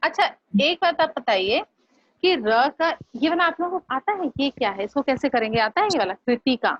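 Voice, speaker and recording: A woman teacher giving a slow, patient online lesson, asking her students questions. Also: high-pitched, animated, slight background noise. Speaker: Hindi teacher. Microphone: video call. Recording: muffled online class audio.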